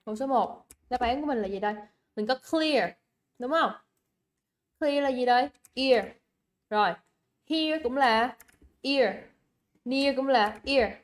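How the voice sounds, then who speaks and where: A young woman with a Vietnamese accent teaches an English exam class over a livestream. Her voice sits a little high, and she talks in a chatty, coaxing way. She repeats words for emphasis and keeps checking that her students are following. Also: a little slow, pauses often. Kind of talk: livestream exam review lesson.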